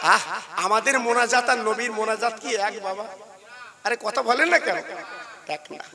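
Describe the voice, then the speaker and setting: A man preaching an emotional devotional sermon, telling the story dramatically and urging his listeners to call out louder. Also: high voice, normal speed, noisy background. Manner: urges the audience to call out louder.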